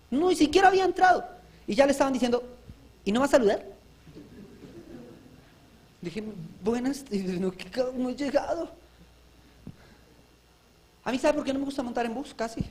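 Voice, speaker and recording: High-voiced man preaching fervently. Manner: fervent preaching with shouted exhortations and joking asides. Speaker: pastor. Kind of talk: live church sermon. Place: church service.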